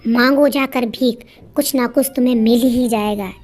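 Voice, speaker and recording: A mistreated young wife speaks with a fairly high voice, pleading one moment and defiant the next, as a woman storyteller plays her. Quiet music sits in the background. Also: fairly even intonation, normal speed, close to an everyday voice. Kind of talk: storytelling with acted dialogue.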